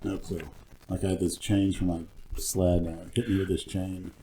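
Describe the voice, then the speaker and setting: A low-voiced man rambles through boastful, crude anecdotes at a podcast table. A faint hiss of noise sits under the recording. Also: level tone, moderate pace, mellow. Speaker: podcast host. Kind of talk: crude storytelling banter.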